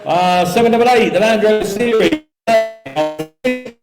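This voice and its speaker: High-pitched auctioneer in echoey hall. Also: male voice, expressive, measured pace, darkish tone. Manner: repetitive chanting of bids and figures. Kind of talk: live auction calling. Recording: echoey hall sound with music behind.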